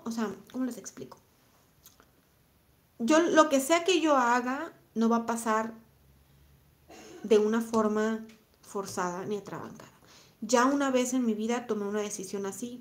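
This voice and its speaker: A Mexican woman in her thirties, a vlogger on a live stream, reads and answers chat comments in Mexican Spanish. Her medium-pitched voice is soft-spoken and reflective, and she often repeats her phrases.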